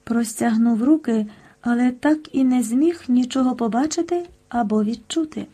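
A woman narrating a children's audiobook with a lively, expressive storytelling manner. Her voice is mellow and a little husky, set slightly higher than most. She keeps an even, engaging read aloud. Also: normal speed.

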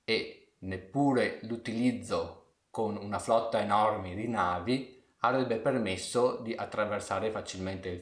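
A man narrating a historical tale at a measured pace, with playful asides to his viewers. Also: on the low side, reverberant. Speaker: history storyteller. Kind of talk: storytelling narration.

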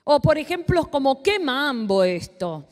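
A middle-aged woman with a Rioplatense Argentine accent, preaching to a live audience in an animated, teasing way. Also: high-pitched, unhurried, big-room sound. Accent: Rioplatense Spanish. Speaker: pastor and speaker. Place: large hall with a live audience.

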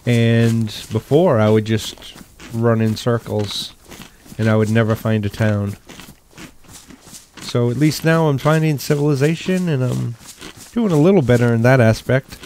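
An older New England man with a Boston accent, a gaming YouTuber, casually commentates a survival game, muttering to himself as he loots. He sounds relaxed, speaking at a measured pace in a mid-range voice, with a little hiss or hum.

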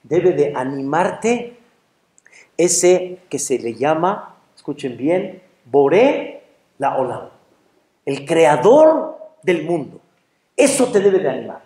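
Animated rabbi preaching, lively pitch. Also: male voice, takes it slowly. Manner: animated, acts out scenes, exclamatory. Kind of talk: sermon with storytelling. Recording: roomy echo.

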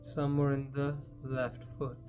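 A man guides a meditation gently and unhurriedly, leaving long pauses between phrases. His mid-range voice shows little pitch movement, with faint music behind it.

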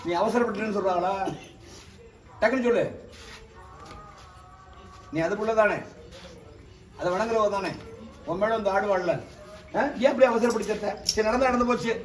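A man from Tamil Nadu, a temple priest performing an exorcism, scolding and commanding the spirit, often shouting. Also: high-pitched, normal speed, long pauses. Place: temple, outdoors or open hall. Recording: echoey, distant mic, noisy.

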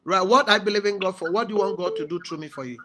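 A man's voice: high-pitched, very fast, background noise. A man hosting a live call-in broadcast as a prophet, urging callers with commanding, repeated instructions. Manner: commanding, repetitive exhortations.

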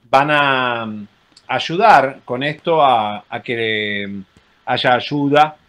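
A middle-aged man co-hosting a casual gossip chat over a video call, wry and joking, often halting on fillers. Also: mid-range voice, fairly bright tone. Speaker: co-host. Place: home room.

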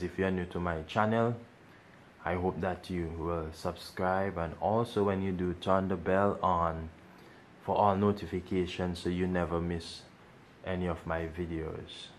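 A man's voice: deep voice, steady tone, measured pace, slight background noise. A man hosting a casual how-to video, explaining each step and repeating instructions as he goes. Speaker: tech tutorial host.

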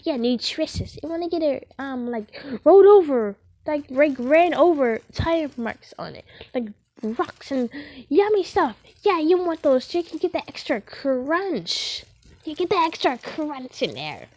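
A woman's voice: sits high, darkish tone, no room sound. A woman giving playful, rambling gameplay commentary and joking as she plays a role in the game. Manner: silly, rambling, playing a role with jokey asides. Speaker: gamer.

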